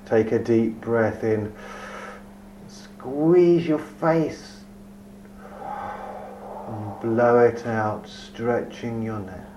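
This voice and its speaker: Speaking at a medium pitch, this man guides a meditation in a slow, soft and calming way, letting long silences stretch out. A faint hum runs through the dull, low-fidelity audio.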